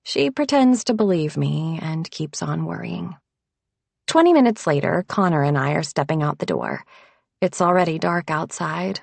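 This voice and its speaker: A woman narrating an audiobook in first person, reading at a measured, even pace. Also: lowish voice, gravelly, dry recording.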